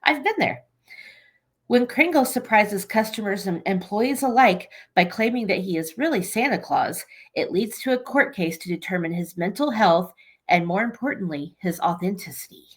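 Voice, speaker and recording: A woman's voice: medium pitch, lively intonation, moderate pace. A woman co-hosting a casual movie chat, joking, blunt and swearing casually. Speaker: podcast co-host.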